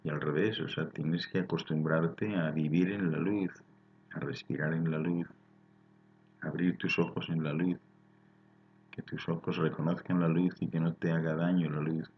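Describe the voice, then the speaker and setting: A man with a Spain Spanish accent hosting a live spiritual talk, reading out viewers' chat questions and answering them in a calm, explanatory way, often ending points with a questioning tag. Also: extremely low pitch, normal speed, slightly rough, muffled recording.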